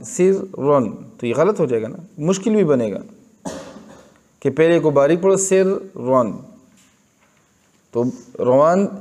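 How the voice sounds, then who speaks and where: A man with a Pakistani Urdu accent teaching Quran recitation rules in a slow lesson, patiently repeating example words and asking and answering his own questions. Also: fairly high pitch, dark tone.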